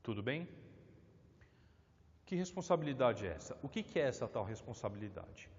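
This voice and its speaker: A man's voice: mid-range voice, very animated, moderate pace. A man with a Brazilian Portuguese accent giving a public spiritist lecture, engaging the audience with questions and acting out examples dramatically. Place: lecture hall of a spiritist center. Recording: long reverb in a hall, dull lo-fi sound.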